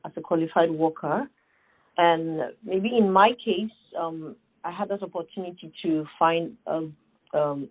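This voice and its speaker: A middle-aged woman with a Sierra Leonean accent answers as a guest in a conversational interview; she founded a nonprofit. Her low, breathy voice is emphatic and earnest, peppered with fillers and rhetorical questions, and the audio sounds thin, like a phone line.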